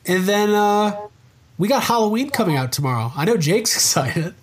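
A man's voice: sits high, big pitch swings, normal speed. A man hosting a podcast in a casual, chatty style. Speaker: podcast host. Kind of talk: casual chat.

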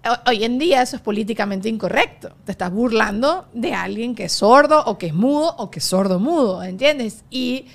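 A woman's voice: a little high, lively intonation, moderate pace, vocal fry, few pauses. A woman with a Venezuelan accent hosting a podcast, chatting casually and laughing easily. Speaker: podcast host.

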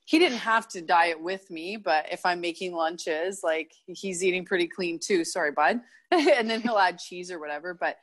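A woman's voice: fairly low pitch, normal speed. A woman from Canada, a podcast guest, chatting casually and laughing often as she acts out what people said. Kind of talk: casual interview chat.

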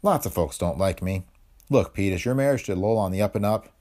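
A man voicing a hard-boiled, wisecracking male private detective, in a gravelly, husky voice. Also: on the low side, a little fast, mellow, lightly acted. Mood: terse.

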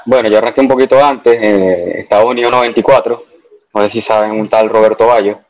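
Lower-voiced man chatting as a guest. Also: fairly even intonation, fast, darkish tone, low-quality recording. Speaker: podcast guest. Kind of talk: casual podcast chat.

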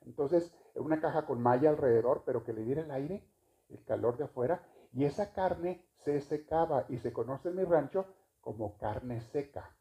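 A man's voice: mid-range voice, normal speed. A man giving a homily at Mass, chatty and joking, asking the congregation questions. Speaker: priest. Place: church. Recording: dull lo-fi recording.

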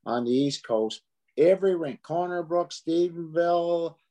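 A man's voice: fairly high pitch, measured pace, warm tone. A man chatting casually as an interview guest, reminiscing in a folksy, emphatic way with running lists. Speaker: interview guest, hockey veteran.

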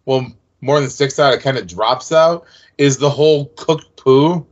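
A man co-hosting a casual podcast, joking around as he talks through a sitcom episode. His voice sits at an ordinary middle pitch. The sound is slightly dull and lo-fi. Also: measured pace. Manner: jokey, slips into playful mock voices. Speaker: podcast co-host.

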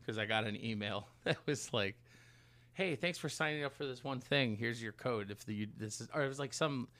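On a dry recording, a mid-range man's voice with a slightly bright quality comes from a podcast co-host. His casual chat rambles and stalls, with frequent self-interruptions and casual cursing.

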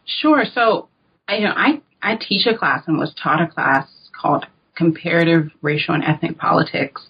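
An American woman from North Carolina, an author and political science academic, answers interview questions as a guest, reflective, informal, and explanatory. Her voice sits low and is slightly rough, with lively intonation, a moderate pace, and the highs cut off.

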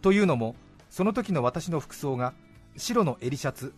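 A man's voice: a little high, moderate pace, faint music behind. A male radio host in casual studio chat, reading out listener letters and acting out the quoted lines. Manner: lively, reads letters with playful voiced quotes. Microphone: studio microphone.

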